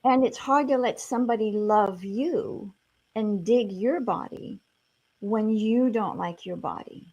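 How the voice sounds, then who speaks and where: A middle-aged French woman with an American accent, working as a sex therapist, appears as a guest in a casual interview, speaking frankly and reassuringly with plenty of "you know" fillers. Her medium-pitched voice is a little slow and darkish, with a breathy edge, and the high frequencies are cut off.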